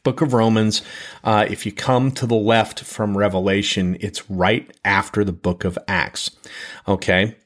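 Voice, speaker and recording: A man with a fairly low voice teaches a Bible lesson to his listeners. His delivery is conversational and chatty, with restarts and frequent check-ins asking whether they follow. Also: level tone, unhurried. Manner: conversational, repeats words and checks in with "okay?".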